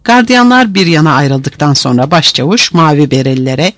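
A male narrator reads a novel aloud with vivid drama. His fairly high voice rises and falls widely, captured close and dry with no room sound. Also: moderate pace, no echo. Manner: vivid, expressive reading.

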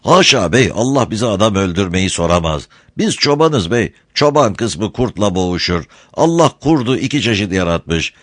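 A man with a lowish voice and big pitch swings, speaking at normal speed in clean studio sound with no room tone, plays a humble wandering Bedouin shepherd in a read-aloud story. Earnest and servile, the shepherd pleads and keeps repeating that he is a sacrifice.

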